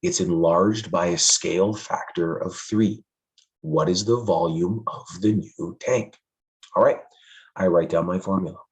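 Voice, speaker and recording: Male math teacher with a deep voice that is going hoarse, friendly and emphatic. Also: unhurried, rough recording. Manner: friendly, calls students "friends", stresses key points. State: losing his voice. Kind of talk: classroom math lesson.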